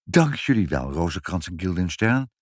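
A man's voice: deep voice, big pitch swings, normal speed, a little mellow, no echo, studio quality, pitched below the performer's own voice. A man voicing a kind, sweetly sly mother in a storybook reading. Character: sweet clever mother, gentle woman.

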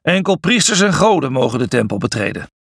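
A man voicing a stern temple guard commander who gives orders and shouts in a storybook reading. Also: medium pitch, very animated, a little fast, creaky, dry recording, studio quality, exaggerated voice.

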